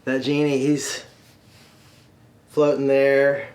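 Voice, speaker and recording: A man hosting a comedy show, telling a joke story in a folksy, drawn-out manner. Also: medium pitch, little pitch movement, a little mellow.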